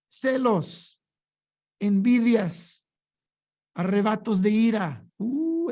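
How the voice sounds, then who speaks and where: Slow, emphatic preacher. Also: male voice, high-pitched, a little mellow. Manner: emphatic, asks rhetorical questions, repeats words. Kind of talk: sermon.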